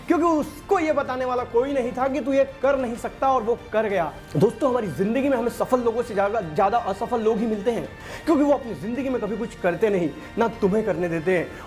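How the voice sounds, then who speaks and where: A man telling a motivational story and addressing listeners as friends. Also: extremely high pitch. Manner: addresses listeners as friends, voices villagers in quotes.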